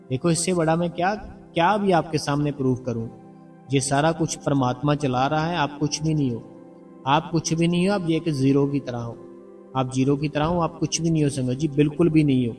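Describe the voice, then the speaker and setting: A man's voice: on the high side, a little mellow. A man giving a devotional talk to the congregation, explaining earnestly and repeating his points to coax the listeners. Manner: earnest, repetitive, coaxing explanations. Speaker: spiritual narrator addressing the congregation. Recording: distant mic with background music.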